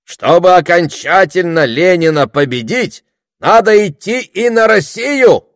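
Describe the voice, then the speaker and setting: A man voicing a boastful, self-important male orator who speaks loudly and pompously. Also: fairly high pitch, very animated, slow pace, no echo, clean studio sound, voice pushed up. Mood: agitated. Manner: loud, pompous, declaiming.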